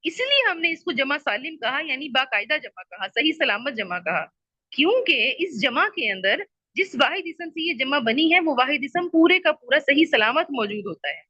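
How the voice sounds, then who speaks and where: A woman's voice: high voice, very animated, bright, forceful tone, no room sound, highs cut off. A woman teaching an Arabic grammar lesson. She patiently repeats her questions and checks that her students understand.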